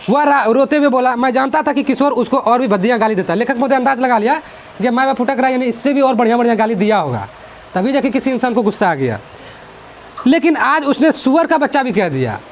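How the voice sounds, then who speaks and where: A male teacher talks through a school chapter in a chatty, repetitive manner, dropping in English words. His voice sits very high. A faint hiss of noise runs under the recording. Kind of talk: explaining a school literature chapter.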